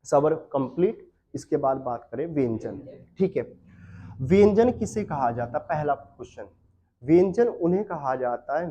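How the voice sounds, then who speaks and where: A man teaching a Hindi grammar class for exam prep. He asks questions, answers them himself, and repeats key terms slowly. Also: fairly high pitch, dark tone. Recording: dull lo-fi sound.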